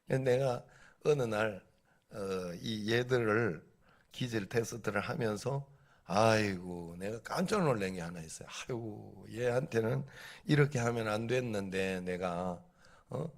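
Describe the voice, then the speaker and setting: A man preaches in a loose, conversational way. His voice sits a little low, and he often slips into lively quoted dialogue while telling stories. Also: unhurried, creaky. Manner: colloquial, storytelling, quotes people animatedly. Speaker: pastor. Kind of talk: sermon.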